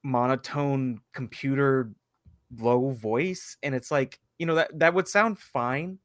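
A young man on a casual podcast, complaining in a lively way. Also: mid-range voice, takes it slowly, dry recording, clean studio sound. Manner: animated, complaining. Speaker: podcast co-host. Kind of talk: casual chat.

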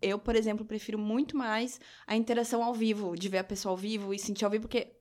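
Fast-talking, playful southern Brazilian woman. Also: medium pitch. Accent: southern Brazilian Portuguese. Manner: playful, teasing, expressive. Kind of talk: casual chat.

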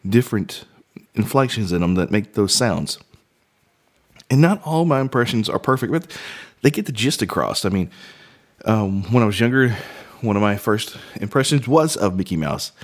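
A man hosting a casual solo podcast, sounding a bit congested, rambling playfully from one tangent to the next and slipping into silly voices. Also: lowish voice. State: slightly congested. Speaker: podcast host. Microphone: studio microphone.

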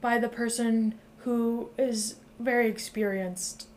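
A woman's voice: fairly high pitch, steady tone, slow, a little mellow, slight background noise. A woman hosting a podcast, casually recapping a movie plot with loose phrasing and frequent swearing. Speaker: podcast host. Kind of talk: casual chat.

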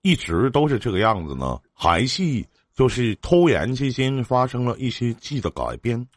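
A man's voice: medium pitch, sing-song, moderate pace, no room sound. A man in his forties hosting a live advice call-in, chatting casually in a joking, teasing way. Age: 40s. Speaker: live-stream advice host.

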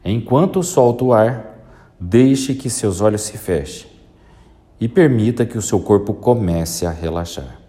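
A man guiding a listener through a hypnosis induction with slow, soothing, repetitive instructions. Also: on the low side, lively intonation, warm tone.

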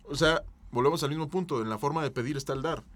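A man's voice: on the high side, fast, a bit bright. A man with a Mexican Spanish accent who hosts a casual chat and playfully acts out everyday scenes to make his points.

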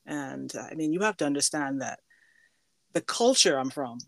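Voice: medium pitch, lively intonation, normal speed, gravelly, no room sound. Middle-aged host, chatty, laughs often, dry sound. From Bahamas. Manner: chatty and warm, with frequent fillers and laughs. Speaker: podcast host. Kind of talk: casual interview.

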